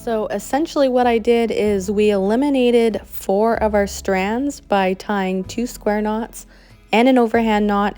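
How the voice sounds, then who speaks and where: A woman's voice: medium pitch, warm tone, clean tone. A woman with a Canadian accent, explaining a craft project step by step in a friendly, chatty way. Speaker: craft instructor. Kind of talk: tutorial voice-over.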